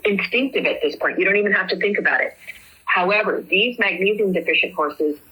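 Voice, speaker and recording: A woman's voice: medium pitch, a little fast, pushed and bright, slightly rough, rough recording. A woman guest in an interview, explaining horse problems fluently and emphatically. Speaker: guest, supplement business owner.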